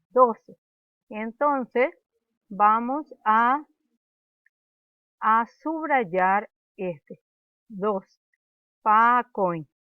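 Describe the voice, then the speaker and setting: A woman's voice: on the high side, no echo. A woman teaching a primary-school language lesson, patiently reciting letters and syllables one by one for pupils to repeat. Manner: slow, patient, syllable-by-syllable dictation. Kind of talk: slow classroom lesson, drilling letters and sounds. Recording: dry tinny lo-fi recording.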